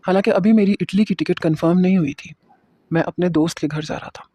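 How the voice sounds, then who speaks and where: A man's voice: high-pitched, mellow, husky, no room sound. A man telling a dramatic story in the first person.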